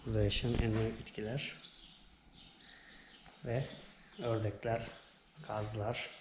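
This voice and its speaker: A man's voice: fairly low pitch, flat delivery, a little slow. Young man, travel vlogger, casual walkthrough, hall echo, background noise. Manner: listing exhibits in short bursts. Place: small museum exhibit hall indoors. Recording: echoey room, noisy background.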